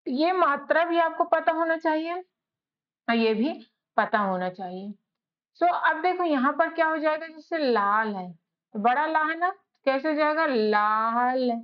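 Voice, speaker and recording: A young woman hosting an online lesson, talking in a patient, repetitive way and often checking in with her students. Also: high voice. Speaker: English teacher, channel host. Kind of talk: casual online tutorial lesson. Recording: dull lo-fi sound.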